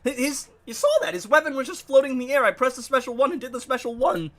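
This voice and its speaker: This gaming YouTuber is a young man whose very high-pitched voice comes out congested and nasal. Talking quickly and casually about his own gameplay, he sounds animated and puzzled, and he rambles.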